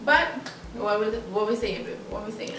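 A young woman talks her way through a clothing try-on haul, chatty and giggly with a self-conscious edge. She sounds set back from the camera in a roomy, echoing space. A clear hiss of noise sits behind her. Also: medium pitch, expressive, normal speed. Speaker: vlogger. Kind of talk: casual try-on haul chat. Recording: echoey room from far off.

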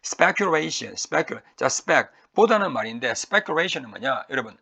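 A male teacher with a Korean accent works through a vocabulary lecture. His voice is bright but rough, with gravel and a husky edge. He drills pronunciation by repeating each word and stretching it out slowly. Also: medium pitch, very animated. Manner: asks and answers his own questions.

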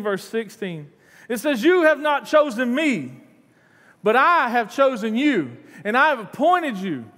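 A man's voice: very high voice, a bit bright. A man, preaching a sermon in earnest from a church stage. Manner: earnest, repeats words, paces the stage. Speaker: pastor. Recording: long hall reverb in a church.

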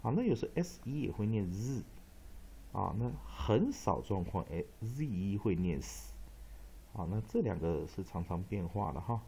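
A man with a fairly low, gravelly, dark voice teaches English pronunciation in a phonics lesson, speaking Taiwanese-accented Mandarin with lively intonation. He spells out letters, repeats rules and often stretches out fillers, over a slight hiss or hum.

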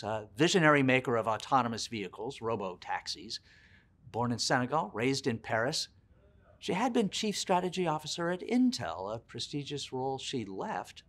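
Animated man in his sixties hosting. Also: medium pitch. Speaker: interview show host. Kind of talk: scripted introduction and interviewing. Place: indoor office lounge.

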